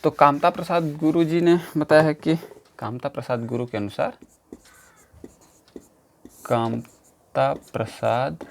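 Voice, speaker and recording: Slow, repetitive man teaching grammar. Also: on the high side. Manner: slow, repetitive, explaining step by step. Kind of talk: exam-prep grammar lesson.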